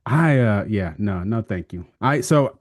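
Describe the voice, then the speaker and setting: A man's voice: fairly low pitch, unhurried, no room sound. Joking man, chatty podcast host. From Texas. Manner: animated, joking storyteller with frequent "right?". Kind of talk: casual chat.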